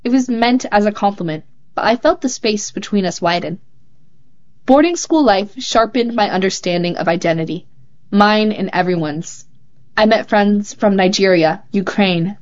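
A woman hosts a show, reading young writers' poems and essays aloud in a calm, measured way. Her voice sits in the mid-range, and the recording sounds slightly muffled and dull.

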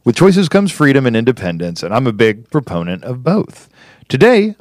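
A man's voice: lowish voice, darkish tone, no echo, clean studio sound. A man hosting an interview podcast, talking with enthusiasm and often repeating words as he restarts. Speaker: podcast host.

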